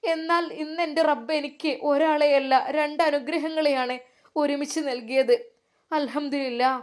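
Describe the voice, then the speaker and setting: A woman's voice: high-pitched, fairly even intonation, moderate pace, close to an everyday voice. A woman voicing a grateful young mother who speaks with heartfelt emotion.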